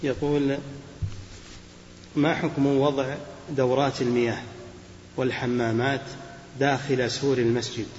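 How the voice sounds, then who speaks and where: A man reading audience questions aloud to a sheikh in a steady, formulaic way, opening each with a polite address. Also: medium pitch, moderate pace, long pauses. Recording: roomy, dull old hall recording with faint hiss.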